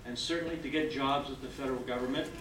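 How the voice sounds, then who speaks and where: He talks fast, with medium pitch and fairly even intonation: an older Canadian whose first language is French, cheering on new citizens during a ceremony. He keeps asking "okay?". Echo, distance from the mic, and background noise color the audio.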